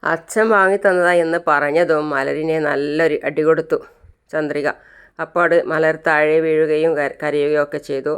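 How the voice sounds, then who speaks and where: A storyteller casually retelling a TV serial episode in a halting way, with restarts and fillers. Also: mid-range voice, fairly even intonation, smooth.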